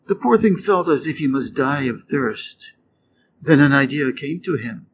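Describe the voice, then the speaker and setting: An American man from Wisconsin, speaking with a Midwestern accent, reads short fables and quiz questions for English learners as their teacher. His mid-range voice is expressive yet clear and deliberate, slow and scripted, with rising intonation on answer choices. The recording is dull and lo-fi with faint noise.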